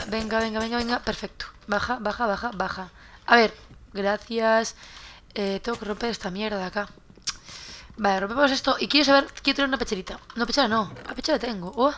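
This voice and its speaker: Bright chatty young Spanish woman gamer. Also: medium pitch. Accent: Spain. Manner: chatty, repeats words while looting, swears when surprised. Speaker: gaming youtuber. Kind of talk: casual gameplay commentary.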